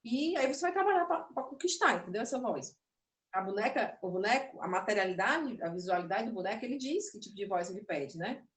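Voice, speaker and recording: A woman's voice: medium pitch, animated, brisk. A woman teaching a puppetry class online, explaining and demonstrating, a little nervous. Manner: explanatory, demonstrative, self-interrupting. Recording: echoey room, voice from afar.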